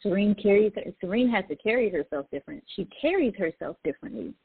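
A woman's voice: medium pitch, expressive, fast talker, slightly rough, no room sound. A woman who is a poet and public speaker, talking reflectively in casual conversation with lots of "like" fillers. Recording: tinny phone-like line.

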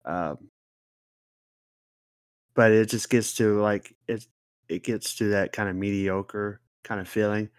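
A young man co-hosting a casual podcast, speaking in a relaxed, reflective way as he searches for words. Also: lowish voice, slow pace, pauses often, clean tone, dry recording, clean studio sound. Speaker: podcast co-host. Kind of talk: casual chat.

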